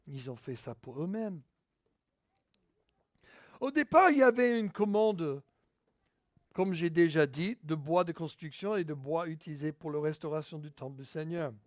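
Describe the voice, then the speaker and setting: A man preaching a sermon in French, speaking English natively, restarting words and building to near-shouting on key points. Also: high voice, no echo, studio quality. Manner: restarts words mid-sentence. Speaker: pastor.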